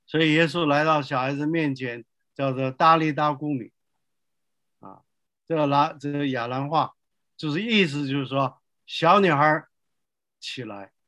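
An older male pastor preaching a sermon slowly and emphatically, asking the listeners rhetorical questions. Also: on the high side, steady tone, fairly bright tone, no echo.

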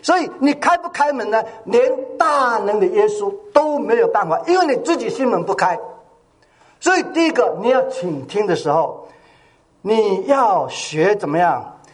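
Animated, husky older preacher man. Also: sits high, moderate pace. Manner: call-and-response with the congregation, animated. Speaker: pastor. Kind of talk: sermon.

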